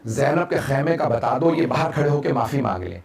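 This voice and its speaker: A man preacher voicing a calm, forgiving male religious leader who speaks softly and reassuringly, in an echoey hall. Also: medium pitch, gravelly, pitched below the performer's own voice. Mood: gentle. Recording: echoey hall, distant mic.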